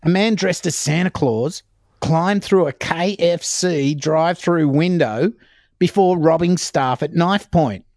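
A man's voice: a little high, a little slow, darkish tone, no room sound. A man podcast co-host, reading comic stories in a dry, teasing way. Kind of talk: comedic story reading.

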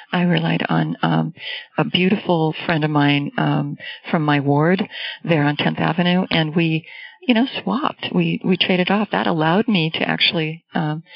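Gravelly-voiced woman scholar, low quality stream, muffled call sound, thinks out loud with lots of pauses. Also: no room sound. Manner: thoughtful, hesitant with pauses. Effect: low quality stream audio. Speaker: academic interviewee. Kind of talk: interview answer.

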